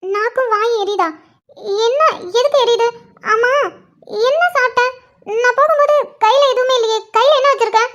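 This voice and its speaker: A shrill, squeaky young wife from a cartoon , voiced by a woman. She nags and grumbles to herself, her voice sitting very high. The tone stays fussy and teasing. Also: moderate pace, fairly bright tone, muffled recording. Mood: alarmed. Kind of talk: cartoon voice acting.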